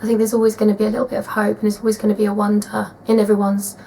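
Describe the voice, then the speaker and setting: Sorrowful woman, played by an actress, documentary interview style, gentle, halting, little pitch movement, light background noise. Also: completely flat delivery, close to an everyday voice, poor audio. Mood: sad, hopeful. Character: sorrowful woman remembering a lovely missing girl. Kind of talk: naturalistic mock-documentary interview.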